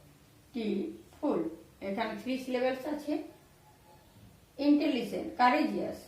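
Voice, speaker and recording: A woman's voice: on the high side, animated, moderate pace. Woman, Bengali-speaking English teacher, spells words and repeats examples, very echoey room, distant mic. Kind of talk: explaining grammar rules to students.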